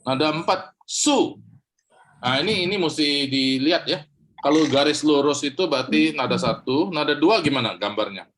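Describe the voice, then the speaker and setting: A man's voice: fairly high pitch, lively intonation, a little fast, fairly bright tone, a little hiss or hum. A man teaching a class on a video call, patiently correcting readers and demonstrating tones aloud. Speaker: Chinese reading teacher. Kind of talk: online class feedback.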